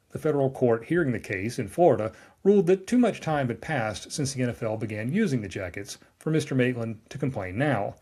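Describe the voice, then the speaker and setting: A man's voice: medium pitch, darkish tone. A man, a lawyer reading a scripted explainer with wry, dry asides. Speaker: trademark lawyer recapping a newsletter.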